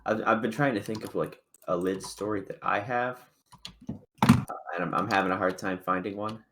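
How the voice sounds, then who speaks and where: A man's voice: lowish voice, moderate pace, noisy background. A young man co-hosting a podcast in casual chat with friends, teasing and sarcastic. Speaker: podcast co-host.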